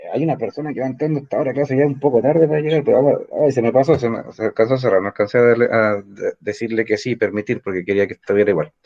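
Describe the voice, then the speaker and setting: Speaking very fast in a mid-range, slightly mellow voice, a Chilean man teaches an evening language class online, picked up by a computer or phone mic on a video call. He explains with rhetorical questions and often tags sentences with "¿ah?". The recording is muffled.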